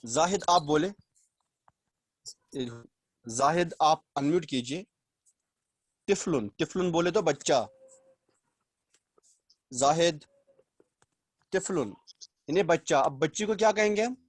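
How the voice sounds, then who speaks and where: A man's voice: a little high, dry recording. Man teaching on a video call. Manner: explains slowly, repeats words, quizzes students. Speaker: Arabic teacher. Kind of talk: online class lecture.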